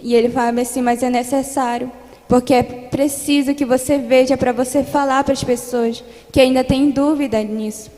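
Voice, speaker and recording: Young brazilian woman telling her church testimony, high voice, kinda flat, echoey church hall. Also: moderate pace. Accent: Brazilian Portuguese. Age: young adult. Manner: earnest, repetitive storytelling that grows louder and more fervent. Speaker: church member giving testimony. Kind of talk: spoken religious testimony.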